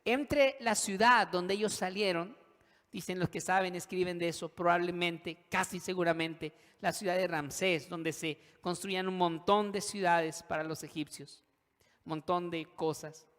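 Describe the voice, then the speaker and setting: A pastor preaches in a slightly high voice, swinging from loud acted pleas to hushed emphasis. He leads his congregation in call-and-response. The sound rings with the long reverb of a large hall. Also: fairly even intonation, measured pace. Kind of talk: sermon. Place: church hall.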